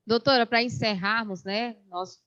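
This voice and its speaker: Bright-voiced woman host on a dull mic. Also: fairly high pitch, steady tone, measured pace. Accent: Brazilian Portuguese. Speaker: panel host. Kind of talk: panel discussion.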